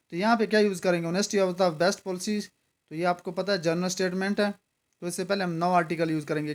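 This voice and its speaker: Guy teaching grammar, kinda high voice, keeps repeating the rules. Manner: repetitive, drills rules with rhetorical questions; reads example sentences slowly and deliberately. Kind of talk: exam-prep grammar lesson.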